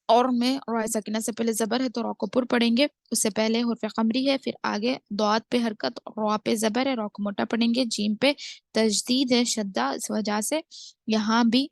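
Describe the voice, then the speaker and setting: A woman with an Indian Urdu accent teaches Quran recitation in a close, dry recording. Her voice sits a little high, and she moves between brisk, methodical explanation and slow, stretched-out recitation of each verse. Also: fairly even intonation, creaky, no echo. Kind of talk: tajweed lesson, explaining then reciting slowly.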